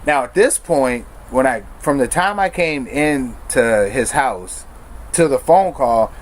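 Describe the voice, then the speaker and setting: A man's voice: mid-range voice, slight background noise. A man telling his personal story in a frank, conversational way, using slang and correcting himself as he goes. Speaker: storyteller sharing his recovery testimony.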